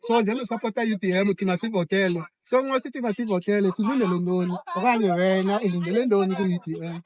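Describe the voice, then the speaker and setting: Fast-talking, high-voiced South African man. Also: darkish tone. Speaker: street interviewer. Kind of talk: informal vox pop interviewing.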